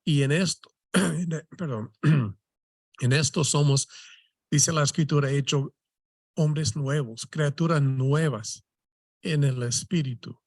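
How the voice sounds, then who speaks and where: A man leading a Bible study, teaching slowly with many restarts and questioning tags. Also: fairly high pitch, dry recording, clean studio sound. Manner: slow, halting, many restarts and "¿verdad?" tags.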